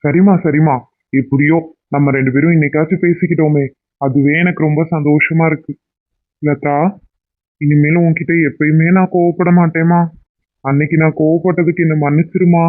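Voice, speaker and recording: A man's voice: a little high, fairly even intonation, moderate pace, lightly acted. A man voicing a young cartoon husband who pleads and makes up with his wife in an affectionate way. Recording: tinny phone-like sound.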